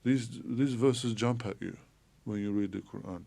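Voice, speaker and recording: Low-ish gravelly guy from turkey, theologian, explains slow and careful, lots of uhs. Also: mellow. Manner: measured, explanatory, frequent hesitations. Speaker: theologian guest. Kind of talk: podcast interview.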